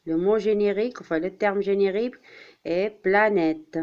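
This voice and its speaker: A woman primary school teacher giving a vocabulary lesson, speaking deliberately, repeating words and acting out examples. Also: medium pitch, steady tone, darkish tone, lo-fi sound.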